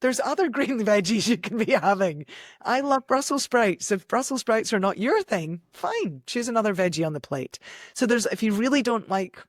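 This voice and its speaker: A woman's voice: mid-range voice, very animated, normal speed, no room sound. Scottish woman, dry close voice. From Scotland. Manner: enthusiastic, practical, laughs easily. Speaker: nutrition scientist guest. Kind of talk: podcast interview.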